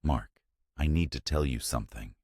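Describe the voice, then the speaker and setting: A man's voice: very deep voice, moderate pace, a little mellow, husky, no room sound, studio quality. A man voicing a guilt-ridden young woman who pleads in a shaky voice. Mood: pleading.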